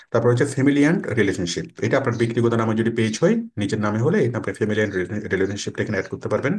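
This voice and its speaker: A man teaching a screen-recorded tutorial, explaining step by step and reading out English menu labels. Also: lowish voice. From Bangladesh. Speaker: online course instructor.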